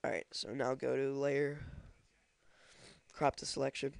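A young man with a stuffy cold, hesitantly talking through a software tutorial with many ums and uhs. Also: medium pitch, little pitch movement, measured pace, creaky, no room sound. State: congested from a cold. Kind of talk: screen-recorded tutorial.

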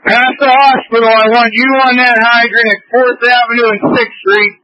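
A man's voice: extremely high pitch, little pitch movement, moderate pace, highs cut off. A man commanding a fire scene over two-way radio, giving urgent, terse firefighter orders. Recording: noisy clicking two-way radio.

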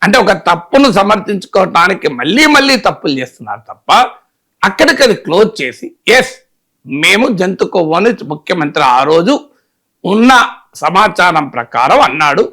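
A man's voice: high-pitched, big pitch swings, fairly quick, sharp tone. A man giving political commentary, emphatic and full of rhetorical questions. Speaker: political analyst.

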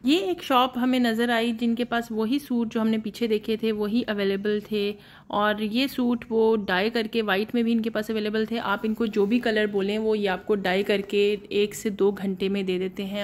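Here a shopping vlogger narrates in a loose, talkative style, her voice in the middle range. She pauses on fillers a lot and slips English expressions into her speech.

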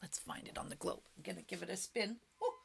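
A woman's voice: medium pitch, fast talker, gravelly, a little hiss or hum. A woman in her thirties teaching a children's music class, speaking playfully and exaggerating for little kids, often dropping into stage whispers.

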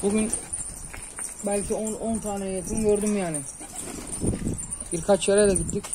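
A man's voice: sits high, steady tone, unhurried. Earnest man talking on a rooftop. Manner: earnest, advising, calls pigeons with soft hissing sounds. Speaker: pigeon keeper hosting his channel. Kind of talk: casual vlog talk to viewers. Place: outdoor rooftop with pigeon lofts.

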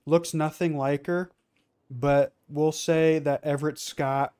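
A man's voice: fairly high pitch, level tone, slow pace, a little mellow, clean tone. A man giving casual, rambling commentary on his gameplay, full of fillers and restarts. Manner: rambling, filler-heavy, self-correcting. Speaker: let's play gamer.

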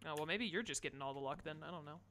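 A man chats and commentates casually while gaming with friends. He talks fast in a bright, slightly high voice. Some noise and keyboard clicking sit behind him. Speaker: gamer streaming with friends.

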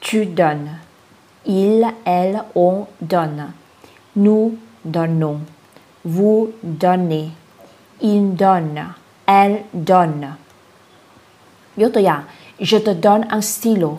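A woman teaching French verbs, saying each form slowly and clearly, then explaining it with soft polite particles. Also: fairly low pitch. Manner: spells out verb forms word by word, then explains them; adds soft polite particles and small laughs. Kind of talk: slow, careful language lesson.

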